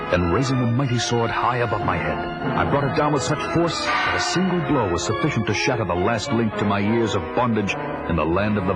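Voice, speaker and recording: Man acting as fierce barbarian hero, theatrical 1980s audio drama delivery, imperious, widely swinging pitch, prominent music behind. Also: natural voice. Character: Conan, fierce proud barbarian warrior, freed slave, recounting his life.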